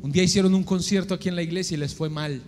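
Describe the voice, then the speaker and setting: A man's voice: sits high, fairly even intonation, rapid-fire, darkish tone, a little hiss or hum. A man preaching a sermon in a church, pressing his listeners with repeated rhetorical questions. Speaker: pastor. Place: church sanctuary. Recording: echoey church hall with music.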